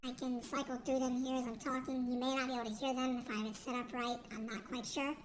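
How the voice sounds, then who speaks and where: A speaker demonstrating a voice changer on an audio mixer, the voice morphing between a squeaky high pitch and a deep low one while they explain the settings. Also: little pitch movement, fast talker, slight background noise. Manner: talks the device through step by step. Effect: voice changer shifting pitch high and low. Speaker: tech product reviewer. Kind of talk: casual product demonstration. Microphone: desk XLR mic through an audio mixer.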